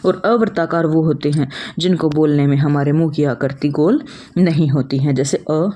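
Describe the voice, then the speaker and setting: A woman's voice: low-pitched, moderate pace, dark tone. A young woman teacher giving an online lesson, explaining step by step and posing questions she then answers herself. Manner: addresses students as children.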